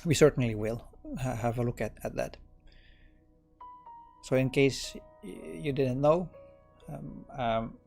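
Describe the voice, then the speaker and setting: A middle-aged man from the Netherlands, speaking with a Dutch accent, thinks aloud while live-coding on a stream. He sounds relaxed but halting, full of fillers and restarts, with a medium-pitched voice and some vocal fry. Faint music plays behind him.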